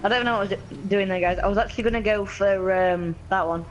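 Hiccuping throughout, a gaming channel host talks through his gameplay in a chatty, rambling, somewhat scattered way. He has a high voice and a quick pace, recorded with dull audio and slight background noise.

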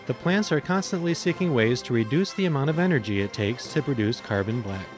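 Male narrator, mid-pitched voice, scripted corporate promo read, faint music underneath. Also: animated, brisk. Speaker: infomercial narrator.

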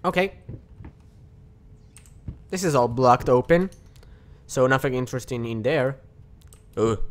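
A man hosting a horror game let's play on a desk mic with a pop filter, excitable, yelping and shouting at scares between jokey asides. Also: mid-range voice, unhurried. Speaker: gaming channel host.

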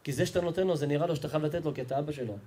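High-pitched man, a rabbi preaching a lesson, forceful, asks listeners questions. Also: breathy edge. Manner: emphatic, animated storytelling preacher; addresses listeners directly with questions. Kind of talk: Torah lesson to a live audience.

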